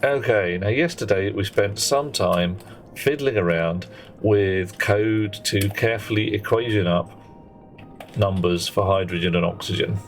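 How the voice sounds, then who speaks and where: Fairly low-pitched and unhurried, a man chats with viewers while streaming a game, rambling casually and frequently correcting himself mid-sentence. In the background there's faint music and a child playing.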